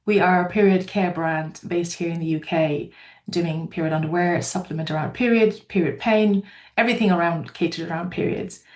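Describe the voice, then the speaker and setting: A woman's voice: lowish voice, steady tone, moderate pace, a little mellow, roomy sound. A woman from Nepal with a Nepali accent, speaking as a company founder at a webinar and earnestly telling her own story with frequent ums. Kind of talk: webinar talk.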